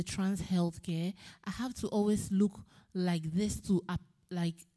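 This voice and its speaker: Brief: woman from Ghana, panel guest, mellow and relaxed timbre, earnest with restarts. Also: mid-range voice. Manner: earnest, personal, halting with restarts. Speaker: panel speaker. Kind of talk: panel discussion. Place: conference room.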